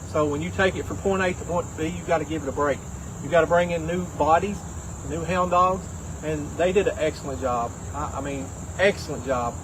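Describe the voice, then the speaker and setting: A man gives a police briefing outdoors in a slightly high voice. He is plain-spoken and folksy, repeating himself for emphasis, with clear noise of insects and vehicles behind him. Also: a little fast. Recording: noisy outdoor field audio.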